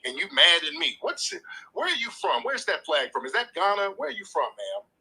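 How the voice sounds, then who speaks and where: A man hosting a live call-in show argues heatedly with a caller, lecturing combatively, swearing freely, talking over them, and repeating his points. His high, wildly swooping voice is a little fast, bright, and forceful, with vocal fry and a breathy edge, on a low-quality recording.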